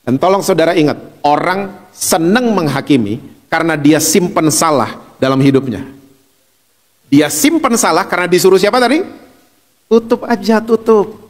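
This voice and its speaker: A male pastor, preaching a sermon with lively, humorous storytelling. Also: a little high, normal speed, big-room sound.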